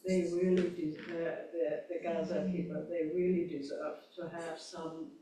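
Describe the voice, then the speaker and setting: A man sharing at a congregation gathering, halting and searching for words. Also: on the high side, flat delivery, mellow. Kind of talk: casual group sharing. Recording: echoey hall, far mic, faint noise.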